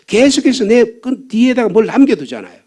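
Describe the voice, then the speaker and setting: A man's voice: very high-pitched, very animated, fairly quick, a little mellow, breathy edge. Older male pastor preaching fervently. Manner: fervent preaching with rhetorical questions and repetition. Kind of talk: sermon. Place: church sanctuary.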